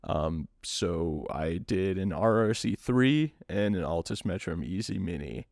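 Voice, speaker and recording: Low-voiced man rambling through gear talk. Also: measured pace, gravelly, dry recording. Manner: relaxed, rambling explainer with dry self-mocking humor. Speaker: podcast host. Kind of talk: casual podcast chat.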